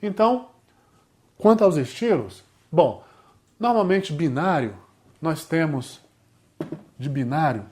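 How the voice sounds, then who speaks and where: Brazilian guy teaching music basics, slightly high voice, keeps asking if you got it. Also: animated, takes it slowly, pauses often, darkish tone. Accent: Brazilian Portuguese. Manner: explains step by step, often checks with "tá ok?". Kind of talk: recorded music theory lesson.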